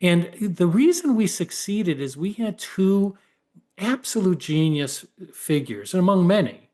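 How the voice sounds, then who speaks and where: A man who is a professor and author, answering interview questions with halting restarts that build into a lecture. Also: high voice, sing-song, a little mellow.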